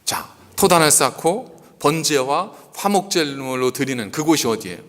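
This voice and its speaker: Animated male pastor in an echoey church. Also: on the high side, moderate pace. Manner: animated preaching with many rhetorical questions. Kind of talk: sermon. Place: church sanctuary.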